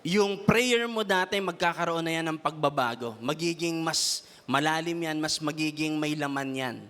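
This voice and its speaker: A man preaching a Taglish sermon to a congregation, often tagging his lines with a questioning "no?" and slowing down to stress key phrases. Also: fairly high pitch, a bit bright. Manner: repeats a questioning "no?" tag; has the congregation repeat lines to their neighbor. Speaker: youth preacher.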